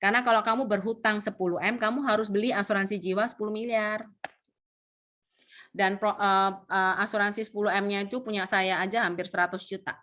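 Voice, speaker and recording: A woman training insurance sales agents in an animated coaching talk, mixing in English phrases and acting out what clients say. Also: mid-range voice, brisk. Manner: acts out client voices.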